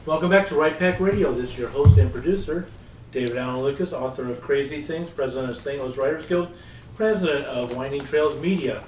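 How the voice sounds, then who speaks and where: A man's voice: medium pitch, fairly quick, faint music behind. A man hosting a casual writers' roundtable podcast, loose and rambling, often correcting himself. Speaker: podcast host and producer. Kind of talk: casual panel chat. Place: shared room around a table. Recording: roomy room sound, distant mic.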